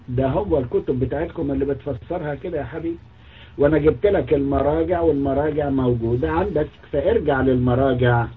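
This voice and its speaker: Husky, scornful Egyptian man over tinny audio. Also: mid-range voice. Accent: Egyptian Arabic. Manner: mocking, scornful, lecturing. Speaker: religious critic. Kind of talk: polemical monologue.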